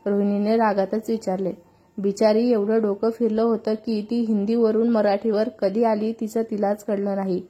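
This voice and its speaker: A woman narrating a scripted story with a steady, expressive reading. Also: mid-range voice, moderate pace, dull audio.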